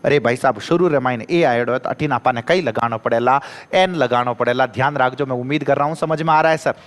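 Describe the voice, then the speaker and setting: A man with a Rajasthani accent teaching English grammar for exam prep in an animated, rhetorical-question style that slips into dialect. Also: mid-range voice, brisk, long reverb tail. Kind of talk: classroom grammar lecture.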